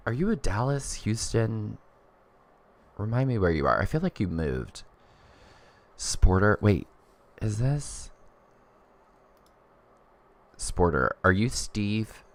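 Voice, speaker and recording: A man in his thirties rambles casually on a livestream while reading viewer comments, chatty and full of fillers. His voice is fairly low and a bit bright.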